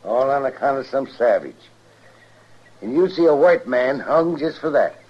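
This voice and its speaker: An actor playing a surly, menacing American cowboy in a radio western, mouthy and taunting in frontier talk. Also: male voice, mid-range voice, expressive, moderate pace, natural voice. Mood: bitter. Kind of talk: old-time radio western acting. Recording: muffled, slightly noisy old radio recording.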